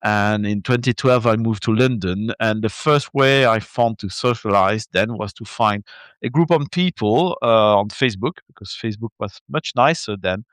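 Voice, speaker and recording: Over a video call, a Belgian man who speaks French natively chats hesitantly as a podcast guest, his French Belgian accent clear. His voice is fairly low, slightly bright, with no echo, and he speaks at a moderate pace in this interview.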